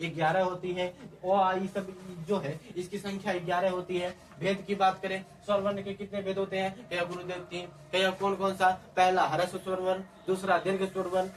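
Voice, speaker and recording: A man teaches a grammar lesson and drills each point by asking and then answering his own questions. He sounds a little far from the mic. There is a faint hiss of background noise. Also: high-pitched. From Bihar, India. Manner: repeats questions and answers in a drilling call-and-response way. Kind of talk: classroom-style grammar lesson.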